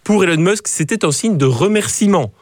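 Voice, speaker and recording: A man's voice: high-pitched, expressive, moderate pace, darkish tone, dry recording. A man delivering a live comedy column in a radio studio, with mock-grave setups, punchline wordplay and asides that coax the studio to laugh along. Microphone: studio microphone.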